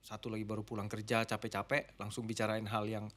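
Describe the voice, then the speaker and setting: A middle-aged man, a pastor and marriage mentor, talking easily as a guest on a podcast, explaining in a relaxed way. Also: on the low side, fast. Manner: relaxed, explanatory, drifts between formal and slangy Indonesian. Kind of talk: casual podcast conversation.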